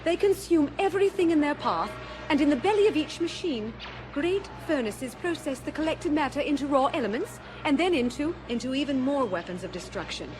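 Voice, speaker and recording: An actress playing a determined rebel princess and leader in an audio drama, speaking earnestly and articulately. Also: female voice, high-pitched, lively intonation, fairly quick, background noise. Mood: urgent briefing. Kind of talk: audio drama acting over orchestral score.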